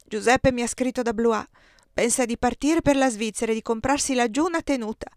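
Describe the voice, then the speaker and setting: A woman's voice: fairly quick, darkish tone, no room sound, studio quality, natural voice. A woman reader voicing a distraught young woman who sobs and pleads desperately. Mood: desperate pleading. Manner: desperate, high-pitched pleading.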